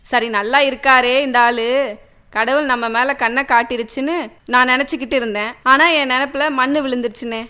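A woman's voice: steady tone, a little fast, sharp tone, smooth. A woman playing a wife who scolds her husband for drinking, in a radio drama. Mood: pleading. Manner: shrill, scolding, wailing.

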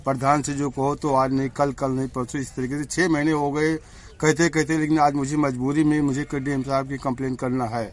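A man's voice: mid-range voice, little pitch movement, fairly quick. A village man and father answering a reporter's questions in a plain-spoken, complaining way. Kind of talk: answering a street interview.

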